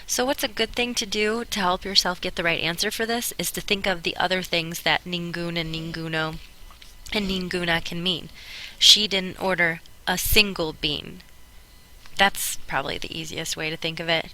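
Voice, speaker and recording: A woman teacher walking students through Spanish grammar exercises step by step, patiently slowing down to sound out the example words. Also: fairly low pitch, pushed and bright, a little hiss or hum, low-quality recording. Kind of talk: classroom lesson explaining grammar.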